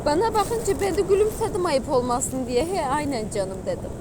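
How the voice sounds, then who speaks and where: Casting: woman, Sivas Anatolian accent, high voice, animated folksy gossip, noisy seaside location. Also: fairly quick. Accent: Sivas, central Anatolian Turkish. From Sivas, Turkey. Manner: animated storytelling with folksy exclamations. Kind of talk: casual gossipy chat. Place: outdoors by the sea. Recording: loud wind, water and boat engine noise.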